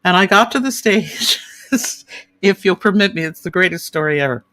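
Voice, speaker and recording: Woman, 60s, opera singer guest; animated, effusive storyteller. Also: lowish voice, normal speed. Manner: animated, gushing anecdotes with vivid imagery. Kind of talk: casual storytelling chat.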